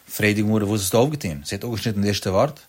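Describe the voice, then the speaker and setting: A man's voice: fairly low pitch, racing, slightly rough. Man lecturing in a lilting sing-song. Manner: addresses listeners directly as friends. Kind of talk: explanatory religious lecture.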